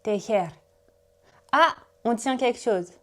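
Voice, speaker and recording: A woman's voice: on the high side, a little slow, mellow. A woman hosting a knitting podcast, talking casually and chattily to her viewers, often laughing at herself. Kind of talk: casual chat to camera.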